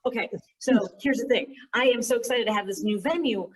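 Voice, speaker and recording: A woman's voice: a little high, a little fast, slight background noise. A woman comic telling a rambling, self-mocking stand-up story in an echoey bathroom with hard walls. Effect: echoey bathroom sound. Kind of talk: stand-up set over a live stream. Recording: echoey bathroom, far from mic.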